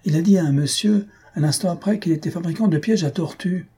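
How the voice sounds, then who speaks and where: A furious old concierge blusters and bellows, put on by a man reading the tale. The voice is pushed high and hoarse-edged, with a dark, husky grain. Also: a little fast. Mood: angry accusing. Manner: blustering, accusing. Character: irascible shouting old male concierge.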